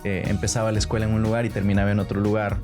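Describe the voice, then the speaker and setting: A young man from Ecuador, a podcast guest, telling his story in a relaxed, hesitant way with many fillers. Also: fairly low pitch, racing, over music. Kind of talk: casual conversation.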